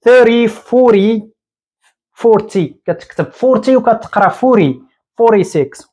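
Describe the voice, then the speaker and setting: A man in his thirties with a Moroccan Arabic accent, teaching English at a whiteboard and repeating each word slowly. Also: high-pitched. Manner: explains slowly, repeating words and drawing them out. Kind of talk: whiteboard lesson. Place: small room indoors at a whiteboard.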